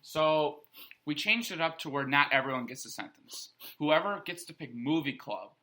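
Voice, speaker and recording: A young man co-hosting a podcast, telling a story in an animated way among friends. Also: fairly high pitch, normal speed. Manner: animated storyteller, acts out quotes, swears casually. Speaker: podcast co-host. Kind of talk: casual chat, storytelling.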